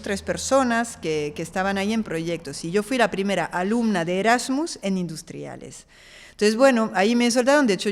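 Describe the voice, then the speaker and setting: A woman from France, speaking as a native French speaker, tells her stories in a casual interview. She is lively and animated and slips into the voices of people she quotes. Her voice carries a long reverb. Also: mid-range voice. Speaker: guest.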